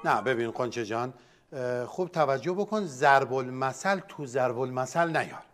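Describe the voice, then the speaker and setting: A man's voice: mid-range voice, over music. A man playing an exasperated quiz host in a comedy sketch, scolding contestants.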